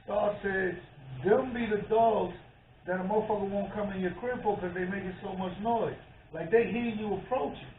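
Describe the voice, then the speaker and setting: A man tells stories as a podcast co-host, acting out every quote. His voice sits a little high. It sounds boomy and tinny, as if picked up across an echoing room. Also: moderate pace, slight background noise. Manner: animated storyteller, acts out quotes. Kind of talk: casual chat. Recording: echoey room, tinny phone-like sound, from far off.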